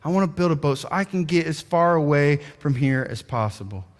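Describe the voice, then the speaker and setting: A man's voice: fairly high pitch, animated, brisk, voice pushed down, close to an everyday voice. A man voicing a boy from a storybook who grows older and keeps asking for more, in a plaintive tone with a long reverb around him. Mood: weary. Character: boy growing into a restless man.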